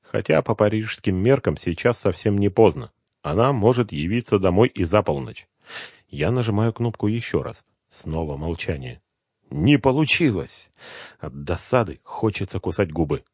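A male narrator with a lowish voice and a lively, expressive pitch, reading a first-person thriller. His delivery is tense and brooding. The recording is dry and close, like a studio booth. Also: normal speed, husky, no echo. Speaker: audiobook reader.

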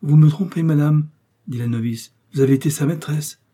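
A man's voice: mid-range voice, fairly quick, warm tone, husky, natural voice. A man voicing an eager young novice. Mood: excited. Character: earnest, trusting young woman, a novice in a convent.

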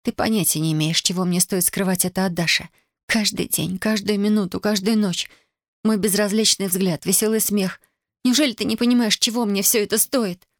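Pleading teen girl, a woman reading her higher than her own voice, dry close sound. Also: steady tone, normal speed, no room sound, close to an everyday voice. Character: teenage girl of seventeen, torn and pleading.

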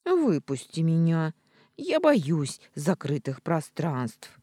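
An audiobook reader voicing a big, belligerent talking tomcat who shouts threats and whines when trapped. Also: medium pitch, sing-song, takes it slowly, no room sound, studio quality. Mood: whining. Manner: loud blustering threats and complaints. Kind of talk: audiobook reading.

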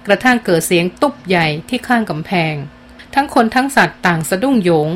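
A woman reads a novel aloud in a measured, expressive style. Her voice sits at a middling pitch, with faint noise underneath. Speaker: audiobook narrator. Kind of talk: scripted narration.

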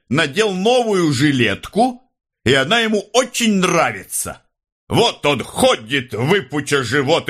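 A man voicing a gruff but good-hearted young man who grumbles and teases. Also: medium pitch, a bit bright, pitched above the performer's own voice, exaggerated voice. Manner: mock-grumbling, teasing.

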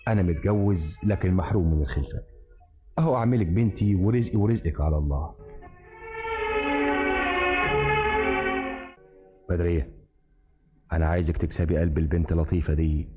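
A man's voice: low-pitched, fast talker, close to an everyday voice. An actor in an old Egyptian radio drama playing an older grey-haired man who feigns fatherly kindness but is a cruel exploiter, speaking in an Egyptian accent. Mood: scheming. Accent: Egyptian Arabic. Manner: coaxing fatherly tone hiding menace. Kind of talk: 1950s radio drama acting. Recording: dull old radio recording with music.

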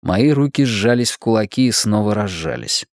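A man's voice: fairly low pitch, moderate pace, darkish tone, dry recording, clean studio sound. A man reading a novel aloud as the first-person narrator, telling the story expressively. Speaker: audiobook narrator.

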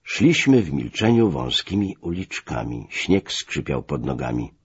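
A man reading a story aloud as narrator, with measured, expressive storytelling, in a muffled recording. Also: sits low, slightly rough. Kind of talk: audiobook narration.

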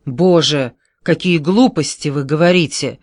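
A man reading an audiobook, voicing a gentle, flustered giant of a man who speaks slowly and hesitantly. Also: on the high side, no echo, clean studio sound, close to an everyday voice. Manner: slow, hesitant, breathless delivery.

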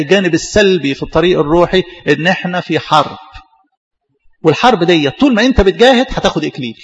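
A man with an Egyptian Arabic accent, a priest preaching a sermon. He is animated, asks rhetorical questions and acts out the voices of his listeners. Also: a little high, big-room sound, muffled recording.

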